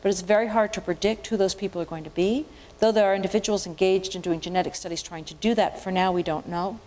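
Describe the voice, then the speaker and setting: A woman physician giving a public lecture with audience questions, in an explanatory, measured way and often restarting phrases as she thinks. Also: medium pitch, fairly even intonation, darkish tone. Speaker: physician speaker. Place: university event room with audience.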